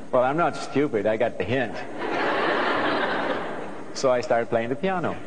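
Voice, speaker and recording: A man's voice: medium pitch, long reverb tail, heavy background noise. A middle-aged man with a Greek accent, speaking earnestly to a student audience on a studio stage through a lapel mic and often restarting his sentences. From Greece. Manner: earnest, thoughtful, with frequent restarts. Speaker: guest composer.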